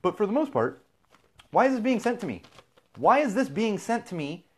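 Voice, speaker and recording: A man's voice: high-pitched, big pitch swings, normal speed, a little mellow. A man from Southern California hosting a live feed, ranting casually and with exasperation, swearing freely. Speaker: podcast host.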